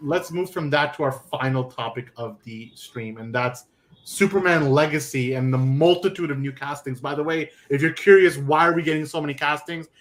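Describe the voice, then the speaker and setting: A man's voice: a little high, moderate pace, a little hiss or hum. Chatty young man hosting a movie stream. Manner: chatty, joking, many fillers. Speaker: podcast host. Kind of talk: casual movie chat on a stream.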